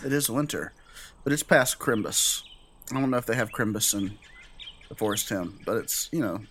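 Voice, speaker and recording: A man's voice: lowish voice, animated, moderate pace, a bit bright, slight background noise. A man working as game master, narrating a tabletop game and explaining rules in a casual, conversational way.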